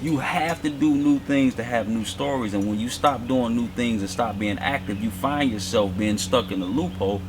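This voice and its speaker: A man's voice: mid-range voice, normal speed, few pauses, background noise. A man co-hosting a casual chat, joking and playful with his wife. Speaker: co-host.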